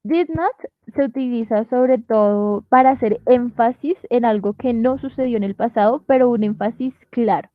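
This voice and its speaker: Speaking through a computer mic on a video call, a female English teacher patiently explains things step by step in an online class, often checking that her students are following. Her voice is a little high and moderately paced, and the audio sounds dry, narrow and tinny.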